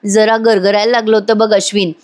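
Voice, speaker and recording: A woman's voice: medium pitch, little pitch movement, brisk, a little mellow, lightly acted. A woman voicing a scheming young woman who talks sweetly and wheedles. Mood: wheedling.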